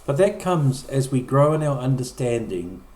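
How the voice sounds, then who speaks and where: A man's voice: medium pitch, big pitch swings, normal speed, darkish tone. A middle-aged man preaching a conversational sermon, often repeating or restarting words and acting out short quoted lines. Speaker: pastor. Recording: echoey room.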